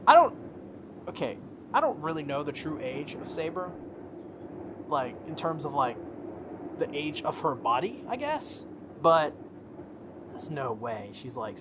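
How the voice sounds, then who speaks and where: A gaming YouTuber and let's player with a medium-pitched voice reads a visual novel aloud, breaking off for casual, jokey commentary. Game music and other background noise can be heard.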